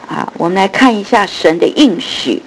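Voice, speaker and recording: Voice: medium pitch, expressive, moderate pace, slight background noise, low-quality recording. A preacher giving an earnest Bible sermon, with slightly lisping, air-leaking speech from missing front dentures. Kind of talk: sermon and Bible teaching, with prayer and read-aloud scripture.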